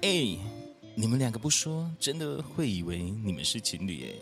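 A man's voice: lowish voice, very animated, moderate pace, music in the background. A man playing a gossipy young male friend who teases the pair about dating. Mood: teasing. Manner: teasing, gossipy.

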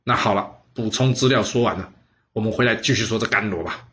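A man's voice: lowish voice, fairly quick, fairly bright tone. Chatty male storyteller. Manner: chatty, asks listeners questions, adds playful asides. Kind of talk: audiobook history storytelling.

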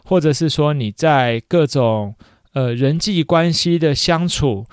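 Male podcast host, schoolteacher; conversational solo monologue, reflective, lots of fillers; voice sits a bit high, dry close sound. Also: unhurried, clean tone, dry recording. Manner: chatty, reflective, frequent laughs and "对" fillers.

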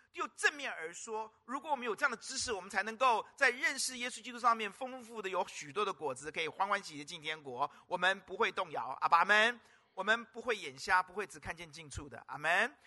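A man's voice: sits high, bright, forceful tone. A male pastor preaching a sermon at a church service, constantly calling out to the congregation with rhetorical questions. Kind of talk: lively sermon.

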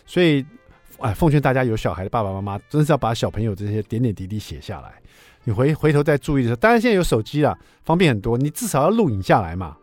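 Lively man chatting on radio. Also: mid-range voice, no room sound. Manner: lively, chatty, asks listeners for agreement. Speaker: radio show host. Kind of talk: casual storytelling on talk radio. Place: radio studio.

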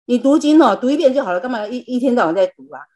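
A man's voice: very high voice, expressive, very fast, darkish tone, voice pushed up. A woman voicing her blunt, scolding middle-aged husband, over a video call. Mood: irritated scolding. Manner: nagging, dismissive.

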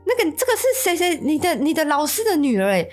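A man's voice: very high voice, big pitch swings, fast, soft background music, voice pushed up. A woman voicing an eager, generous young gas station manager, repeating his offers.

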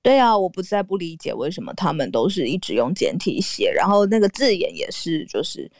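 A woman's voice: lowish voice, brisk, no echo, studio quality. A woman with a Taiwanese Mandarin accent co-hosting a morning news podcast, chatting casually with frequent giggles. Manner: giggly, lively back-and-forth. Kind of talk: casual chat.

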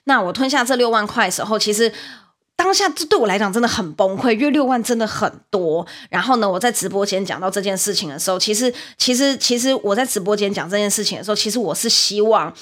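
A young woman with a Taiwanese Mandarin accent, hosting a podcast and telling a story in a chatty, animated way, with many fillers and repeats. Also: medium pitch, quick pace. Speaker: podcast host, livestreamer. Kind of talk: casual storytelling monologue.

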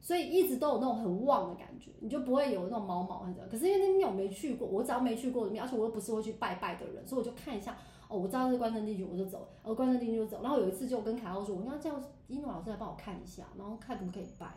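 A woman talks very fast in a casual chat with a slightly high voice. She chimes in often with quick replies. The room is echoey, with faint noise behind her. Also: lively intonation, warm tone. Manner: quick back-channel replies, chatty. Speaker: podcast co-host.

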